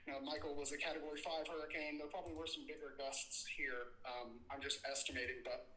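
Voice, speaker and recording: A man with a fairly high, bright, forceful voice talks as a storm chaser on a live report. He is informal and matter-of-fact, rambling through his thoughts conversationally. The sound is roomy and echoey. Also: flat delivery, quick pace.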